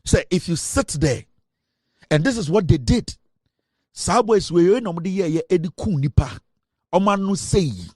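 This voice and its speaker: A man's voice: high voice, animated, moderate pace, pauses often, darkish tone, no echo, clean studio sound. A man with a Ghanaian accent giving impassioned political commentary, switching between English and Twi and building to indignant rhetorical questions. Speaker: online news commentator.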